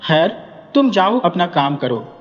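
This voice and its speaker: A man's voice: high-pitched, big pitch swings, unhurried. A man plays a lecherous middle-aged village headman in a storybook reading, brash and leering. The raised voice rings with long reverb, and faint music sits behind it. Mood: gruff. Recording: dull echoey recording with music.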